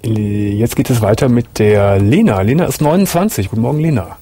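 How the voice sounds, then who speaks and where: A man hosting a late-night radio call-in show, asking gentle, reassuring questions in a calm way. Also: on the low side, fairly quick, husky, no echo.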